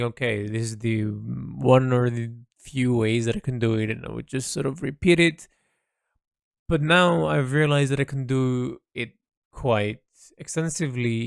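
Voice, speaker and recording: A man with a smooth, mid-range voice and some vocal fry keeps a reflective audio log as an artist and writer, casual and unscripted. He speaks hesitantly, often searching for the right word and trailing off into "sort of." The recording is studio quality with no echo.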